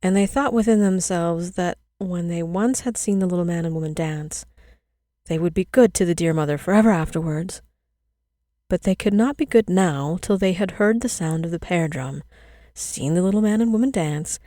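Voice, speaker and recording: A woman reading an old Victorian story aloud in a measured storytelling manner. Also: lowish voice, dark tone, dry recording, clean studio sound.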